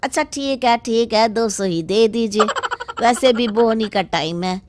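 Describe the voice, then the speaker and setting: A woman's voice: a little high, unhurried, noisy background, close to an everyday voice. A woman voicing a pushy male shopkeeper haggling in a cartoon story. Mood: wheedling. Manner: wheedling sales talk. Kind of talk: cartoon voice acting.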